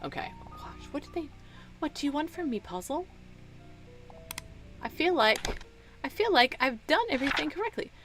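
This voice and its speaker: A woman's voice: high voice, very animated, normal speed, long pauses, a bit bright, soft background music. Chatty woman thinking aloud over a game. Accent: Southern American. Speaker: gaming streamer. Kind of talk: casual let's-play commentary.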